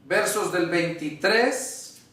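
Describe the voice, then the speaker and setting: A man preaching a sermon as pastor, asking rhetorical questions and reading scripture aloud with slow, deliberate delivery. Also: high voice, pushed and bright, recorded from a distance. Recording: echoey room, voice from off-mic.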